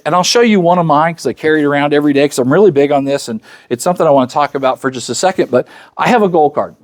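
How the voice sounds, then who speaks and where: A man in his fifties delivers a motivational talk to a luncheon crowd, his voice sitting a little higher than most men's. He talks to the room in a loose, chatty way and slips into the voices of the people he quotes. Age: 50s. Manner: conversational, acts out quoted dialogue; chatty, speaks directly to the crowd. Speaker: luncheon speaker.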